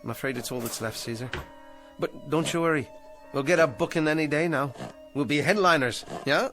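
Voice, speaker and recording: Soft background music accompanies an actor playing a down-on-his-luck ventriloquist in 1960s TV drama. His voice is on the high side, a little fast and fairly bright, and the struggling character sounds eager, fretful, and nervously optimistic.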